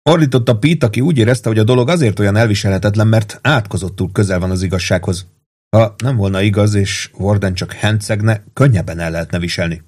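A man reading a novel aloud as audiobook narrator, in steady, even storytelling. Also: fairly low pitch. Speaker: audiobook reader.

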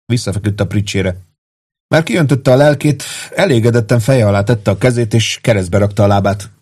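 Guy reading an audiobook, steady storytelling, a bit husky. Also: lowish voice. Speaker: audiobook reader. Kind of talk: scripted narration of a novel.

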